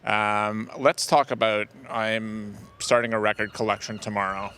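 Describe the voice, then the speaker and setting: A man's voice: fairly low pitch, fairly even intonation, a little slow, a bit bright, slight background noise. A man hosting a music interview, asking playful, joking questions. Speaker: interviewer, host. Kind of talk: casual interview.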